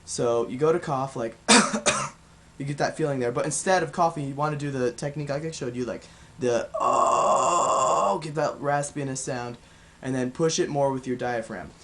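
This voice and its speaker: A man's voice: medium pitch, a little fast. A young man giving a casual, rambling video lesson on vocal technique, with plenty of fillers. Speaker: vocal coach.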